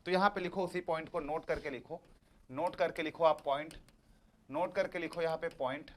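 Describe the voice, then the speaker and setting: A man's voice: fairly high pitch, steady tone, moderate pace. A man teaching an exam-prep lecture, repeating points and coaxing his students with frequent checks that they follow. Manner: repetitive, coaxing, calls students "beta".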